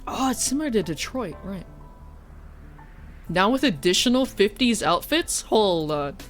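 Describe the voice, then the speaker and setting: A woman who streams and teaches chats casually while streaming, sniffly and stuffy-nosed, swearing and making fun of herself. Her mid-range voice is very animated and a little slow, with faint music in the background.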